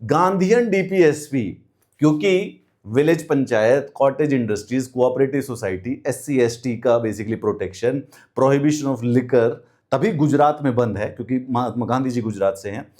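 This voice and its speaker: In a Hindi-English classroom lecture, a man teaches exam prep with emphasis, circling back to key phrases and throwing out rhetorical questions. His voice is mid-range and darkish, his pace measured, and he has a mouth ulcer as he speaks.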